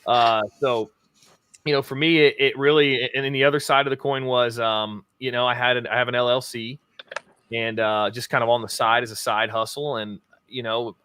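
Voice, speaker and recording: A man talking about his YouTube channel as a guest in a casual interview, energetic and laughing often. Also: medium pitch. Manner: energetic self-styled hype talker, laughs often.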